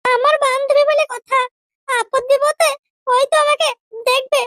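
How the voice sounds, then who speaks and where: A voice actor playing a prim, touchy young girlfriend in a comedy cartoon, with a very high, squeaky voice and an indignant way of talking. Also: fairly even intonation, sharp tone, heavily acted. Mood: chatty. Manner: indignant, quick to take offense.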